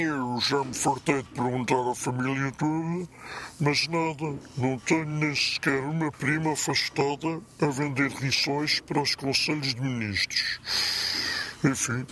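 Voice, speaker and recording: A man's voice: medium pitch, bright, forceful tone. A man with a European Portuguese accent playing a timid, anonymous male secretary of state in a radio comedy sketch, his voice run through a distortion filter and delivered in a resigned, slightly hesitant way.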